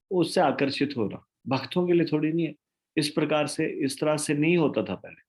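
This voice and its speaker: A man's voice: fairly high pitch, a little mellow. A man giving a devotional scripture lecture, telling stories, asking rhetorical questions and slipping in English phrases. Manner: storytelling, mixing in English phrases. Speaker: spiritual lecturer.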